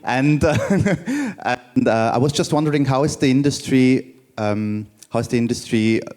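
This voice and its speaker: A man's voice: medium pitch, animated, moderate pace, a little mellow. A man in the audience asking a question, flustered and stumbling over his words.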